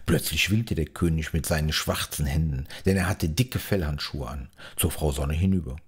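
A male audiobook narrator reading a fairy tale. His voice is very low and slightly husky, and his delivery is calm and measured, like a bedtime story.

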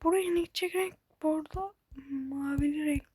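High-pitched woman swearing at a game. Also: normal speed, no room sound. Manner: frustrated, swearing a lot, shouting at the game. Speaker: gamer. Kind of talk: casual gameplay commentary.

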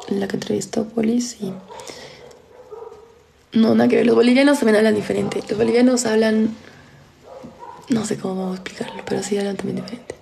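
A young woman of eighteen from Peru with a Peruvian Spanish accent, tired and chatting casually as she answers viewers' questions, reading each one aloud before replying in quick, quiet asides. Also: medium pitch, gravelly, noisy background. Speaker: live streamer.

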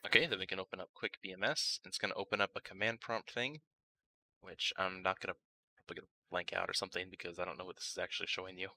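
Here a man narrates a software tutorial informally at a quick pace, his intonation fairly even as he reasons out loud. The low voice is gravelly around the edges but strongly bright and forceful, like a laid-back guide. Audio quality is poor.

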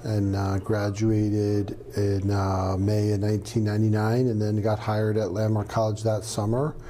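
A middle-aged man from New Hampshire, a radio professor answering interview questions in a relaxed, storytelling way with some fillers. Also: fairly low pitch, a little slow, a little hiss or hum. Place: studio with green screen.

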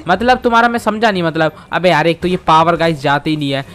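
A man's voice: on the high side, animated, quick pace, a bit bright, pitched below the performer's own voice. Grumbling young hero, voiced by a man, chatty and exasperated. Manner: exasperated, chatty, addresses viewers. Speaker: gaming channel host. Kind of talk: comic fan dub over gameplay.

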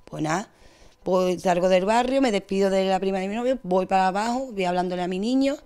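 A young woman with an Andalusian accent, giving a distressed, rushed account as an interviewee. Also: medium pitch, dark tone, clean tone. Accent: Andalusian Spanish. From Spain. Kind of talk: emotional testimony.

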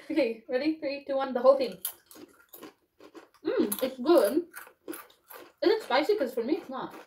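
A giggly young woman chats through a snack taste test, exclaiming as she goes. Her voice sits a little high. The mic is some way off, with faint hiss behind her. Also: expressive, a little slow, long pauses, darkish tone. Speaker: vlogger. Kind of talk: casual taste-test chat. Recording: distant mic with faint noise.

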